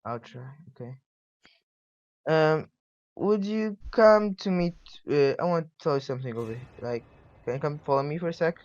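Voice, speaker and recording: A man's voice: a little high, a little fast, darkish tone, dry recording, dull audio. A man playing his character in a tabletop game, talking in a hesitant, stumbling way. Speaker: player. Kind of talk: in-character tabletop role-play.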